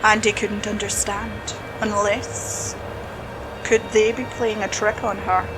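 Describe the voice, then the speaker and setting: A woman narrating a horror story slowly and dramatically, dropping to a hush at tense moments. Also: medium pitch, little pitch movement. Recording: spooky music bed under voice.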